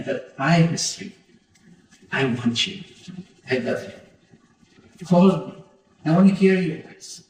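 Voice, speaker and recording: A middle-aged man, a pandit, giving an earnest devotional talk directly to his congregation. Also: on the high side. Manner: earnest, direct address to listeners. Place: community temple hall. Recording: very echoey hall, voice from far off.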